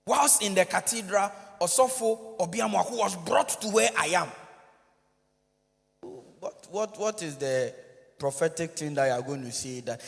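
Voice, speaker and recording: High-voiced Ghanaian minister in a reverberant hall. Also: male voice. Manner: animated, joking, code-switching, addresses audience directly. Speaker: church minister. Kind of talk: conference talk mixing English and Twi. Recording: long reverb of a large hall.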